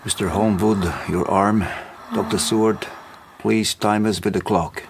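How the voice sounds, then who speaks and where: An actor playing a grave, commanding older professor of medicine in a radio drama, with formal, foreign-sounding phrasing. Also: male voice, on the low side, steady tone, a little slow, creaky, noisy background. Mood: calm, instructing.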